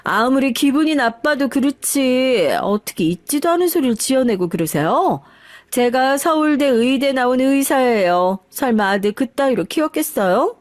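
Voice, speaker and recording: Brief: woman voicing a haughty, mocking sister-in-law for an audio story, high and piercing. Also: animated, moderate pace, dry recording. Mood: scornful. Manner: shrill, mocking, dismissive. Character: brash, rude younger sister-in-law, a doctor. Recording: faint background music.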